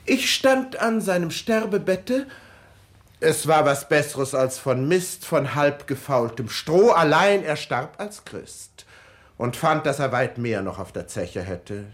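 An actor playing Mephistopheles, a sly and mocking devilish tempter, in a 1950s German radio drama with theatrical, wheedling delivery. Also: male voice, takes it slowly. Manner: theatrical, wheedling, lively swings in pitch.

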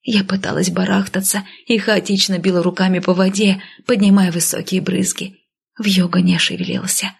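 A woman narrating a first-person fantasy audiobook. She voices a headstrong heroine lively and dips into whispers. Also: medium pitch, moderate pace, creaky, husky.

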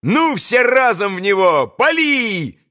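A man voicing a gang of schoolboys who jeer and shout while throwing stones, in an audiobook. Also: moderate pace. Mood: jeering excited. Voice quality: shrill shouting.

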